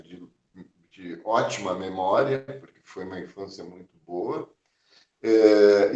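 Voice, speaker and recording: A man's voice: fairly low pitch, darkish tone. Reflective man in his sixties, roomy distant sound. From Porto Alegre, southern Brazil. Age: 60s. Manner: measured, reflective, frequent "né?" and "eh" fillers. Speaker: physician recounting his life. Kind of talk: oral history interview.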